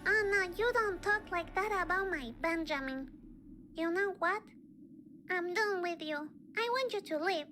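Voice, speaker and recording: A woman's voice: extremely high pitch, measured pace, bright, forceful tone, slight background noise, heavily acted. A woman voicing a sweet, plucky, naive little girl in a video game, with a childlike, earnest delivery. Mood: indignant. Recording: video game audio with music behind.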